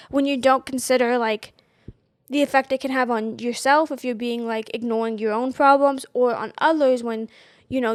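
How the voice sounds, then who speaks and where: A woman's voice: a little high, no room sound, clean studio sound. A woman who can't quite say her R's, which come out like W, chatting casually and emphatically with a fired-up opinionated streak. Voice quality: speech impediment on R sounds, which come out soft like W. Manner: emphatic, fired up, mild swearing.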